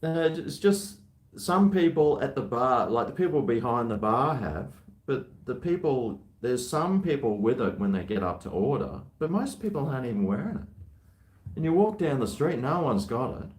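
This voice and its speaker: A man's voice: medium pitch, sing-song, normal speed, a little mellow. An Australian man filming a casual vlog at home on a handheld camera, rambling and muttering to himself. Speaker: vlogger. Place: at home, large empty house.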